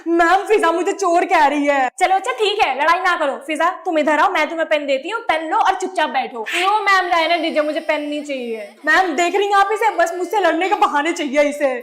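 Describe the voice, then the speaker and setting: High-voiced young woman acting comic skits. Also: fairly bright tone. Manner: cheeky, playful, argumentative. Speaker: comedy skit creator.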